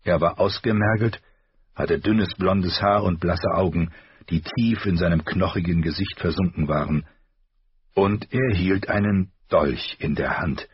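A man narrating an audiobook in a measured, even storytelling manner, on a slightly dull recording. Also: low voice, husky, dry recording.

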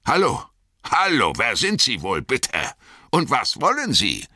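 A man voicing a stout, red-faced hobbit farmer in an audiobook, gruff but hearty, with a loud, folksy manner. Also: medium pitch, wildly swooping pitch, unhurried, dry recording, studio quality, pitched above the performer's own voice, heavily acted. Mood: wary. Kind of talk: audiobook character voice.

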